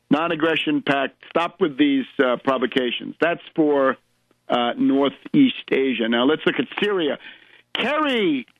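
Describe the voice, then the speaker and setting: This political radio host speaks in a fairly high-pitched male voice, with no room sound in the dull, lo-fi broadcast audio. His monologue is opinionated, and he leans on rhetorical questions in a sardonic, emphatic style.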